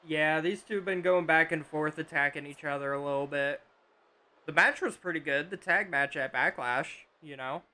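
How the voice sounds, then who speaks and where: A man's voice: fairly high pitch, moderate pace, pushed and bright. A man casually commenting on a wrestling video game on a live stream, rambling with fillers and restarts.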